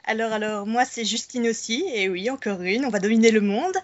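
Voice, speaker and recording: A woman's voice: fairly high pitch, brisk, a little hiss or hum. A woman in her twenties from Belgium with a Belgian French accent, cheerfully introducing herself as a new columnist. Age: 20s. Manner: cheerful, joking. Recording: dry, dull lo-fi audio.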